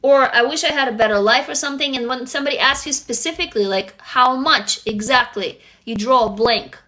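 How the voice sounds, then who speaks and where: High-pitched and brisk, her voice comes across bright and forceful. She is a young Russian livestream host, a native Russian speaker, reading viewer comments and talking earnestly and bluntly with casual swearing.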